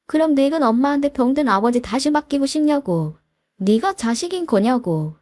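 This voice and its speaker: A woman's voice: high voice, animated, normal speed, no room sound. Woman doing a browbeating sister-in-law, pushy, barking, dry mic. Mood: yelling. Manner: shouting, browbeating. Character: loud aggressive adult sister-in-law, bullying.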